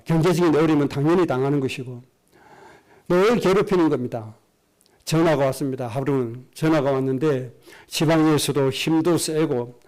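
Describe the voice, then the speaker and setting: Higher-voiced pastor preaching. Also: male voice, a little mellow. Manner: earnest storytelling, acts out quoted speech. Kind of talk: sermon.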